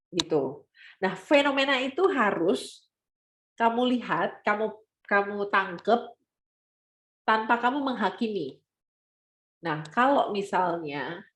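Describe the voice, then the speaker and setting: A woman mentoring students online, explaining with lively acted-out examples. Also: mid-range voice, echoey room. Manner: animated, acts out scenes with quoted voices.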